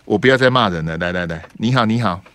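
A man hosting a call-in radio talk show, teasing and grilling his caller with rapid-fire questions. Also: lowish voice, fairly bright tone, dry recording. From Taiwan.

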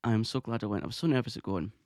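A man hosting his own podcast, talking in a chatty, excitable way and laughing often. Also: lowish voice, rapid-fire, no echo, studio quality. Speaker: podcast host. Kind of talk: casual monologue podcast.

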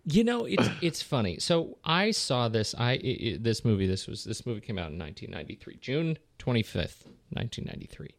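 A man's voice: medium pitch, big pitch swings, fairly quick, few pauses, a little hiss or hum. A middle-aged man co-hosting a podcast, chatting about a film in a rambling, self-interrupting way. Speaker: podcast co-host. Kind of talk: casual film discussion.

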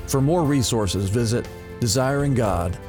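A man hosting a podcast, reading a calm, measured scripted outro. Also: medium pitch. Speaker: podcast host. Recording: studio voice-over with music underneath.

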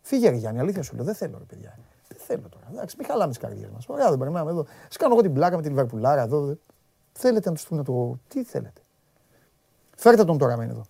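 A man's voice: a little high, sing-song, vocal fry, mellow, husky, dry recording. A man hosting a live sports talk show, scolding his viewers in an exasperated, repetitive way. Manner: scolding, exasperated, repeats himself when worked up. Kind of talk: heated live sports chat.

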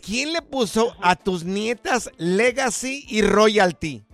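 Male radio host, high bright tone, chatty storyteller over a faint music bed. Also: animated, slow pace, dry recording. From Mexico. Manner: storytelling, acts out quoted voices. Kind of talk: casual radio banter.

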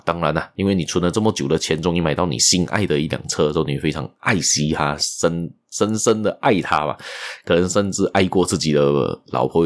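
A man with a low-sitting voice tells a moral story at a casual, unhurried pace. He often repeats words and lets his sentences trail off with particles.

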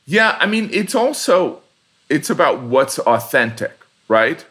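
A man from Indiana with a Midwestern accent, a comedian chatting casually as a guest and telling animated stories. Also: a little high, a little slow. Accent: Midwestern American. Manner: animated storyteller, shifting into voices for quotes. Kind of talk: casual conversation.

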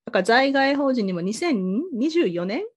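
A woman's voice: a little high, lively intonation, normal speed. A woman hosting a casual podcast chat, talkative with many asides and encouraging nods. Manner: chatty, frequent back-channel nods, rambling asides. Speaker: podcast host.

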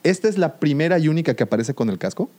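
A Mexican man hosting a casual podcast, his voice sitting a little high and rising and falling a lot as he talks. He walks his co-hosts through a video scene by scene, stopping and rewinding as he goes. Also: animated, rapid-fire, mellow. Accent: Mexican Spanish. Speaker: podcast host.

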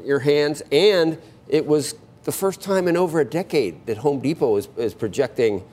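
A man's voice: on the high side, normal speed, darkish tone. A middle-aged or older American man co-anchoring financial news, chatting off the cuff about markets, digressing and restarting his phrases. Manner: rambling, digressive, repeats and breaks off phrases. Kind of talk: unscripted market chat and commentary.

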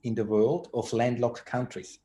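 A man, a podcast guest telling his story in a measured way over a video call. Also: mid-range voice, steady tone, dark tone, slight background noise. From Switzerland. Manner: measured, unhurried storytelling with hesitant fillers. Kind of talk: casual interview chat.

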